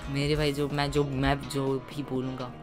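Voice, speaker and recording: A chatty, excitable man talks through his game for his channel, calling out to his viewers as he goes. His voice sits in a middling pitch, and background music plays clearly behind him. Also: normal speed. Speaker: gaming video creator. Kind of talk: casual gameplay commentary.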